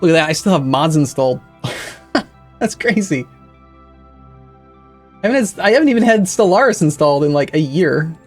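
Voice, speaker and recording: With faint music behind him, a young man chats casually while setting up a game on stream, rambling, self-correcting often, and answering messages from chat. His voice is a little high and expressive, moving at a moderate pace with long pauses.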